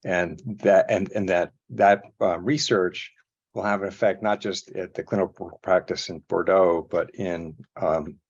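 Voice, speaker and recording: Man, very deep voice, earnest remarks, fillers, muffled. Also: steady tone, measured pace, breathy edge. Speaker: guest commenting on a talk. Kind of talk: spontaneous remarks at an event.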